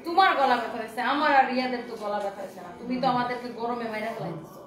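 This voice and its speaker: High-voiced woman doing a live saree sale, chatty and eager, roomy echo. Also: racing, a bit bright. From Bangladesh. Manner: chatty, enthusiastic sales patter. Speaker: online saree seller hosting a live stream. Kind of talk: live sales stream, reading viewer comments aloud.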